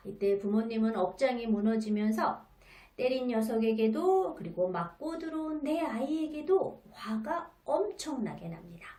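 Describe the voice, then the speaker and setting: A woman hosting a parenting talk and explaining calmly, sometimes dropping to a hush. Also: high voice. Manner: calm, explanatory, sometimes hushed. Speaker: parenting expert host. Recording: roomy, from a distance.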